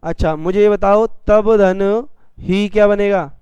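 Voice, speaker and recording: High, clear-voiced man teaching grammar. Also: a little mellow, dry recording. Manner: dictates slowly, repeating phrases for students to write; addresses students as "beta", jokey examples. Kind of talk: classroom grammar lesson. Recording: dry, slightly dull classroom recording.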